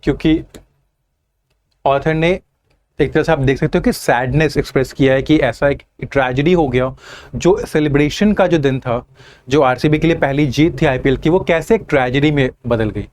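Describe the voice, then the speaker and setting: Man teaching, slow and clear. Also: on the high side, darkish tone. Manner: reads English lines slowly, then explains in Hindi, with frequent "theek hai" fillers. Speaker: English teacher for exam prep. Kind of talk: online lesson explaining an editorial.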